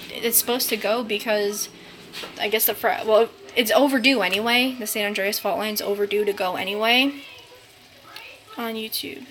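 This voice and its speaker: A woman's voice: fairly high pitch, fairly bright tone, slight background noise. A tired young woman from New England, hosting a casual live stream, rambling and chatty with lots of fillers and the odd angry curse. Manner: rambling, chatty, with many fillers and swearing outbursts.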